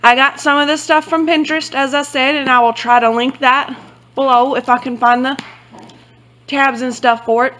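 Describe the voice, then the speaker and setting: Higher-voiced woman rambling casually bout her book stuff, keeps correcting herself. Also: steady tone, moderate pace, a bit bright, poor audio. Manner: rambling, self-correcting, loose and chatty. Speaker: book vlogger. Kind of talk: casual show-and-tell.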